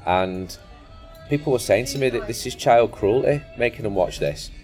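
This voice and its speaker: A man's voice: medium pitch, normal speed, a little mellow, faint music behind. A man talking on a football podcast with dry, self-mocking humour. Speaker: podcast guest. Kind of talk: casual football podcast chat.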